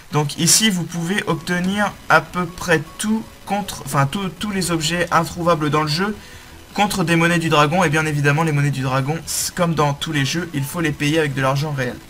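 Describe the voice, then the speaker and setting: Bright-voiced man talking through a game tutorial. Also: a little high. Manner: hesitant, many fillers and self-corrections. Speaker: game guide host.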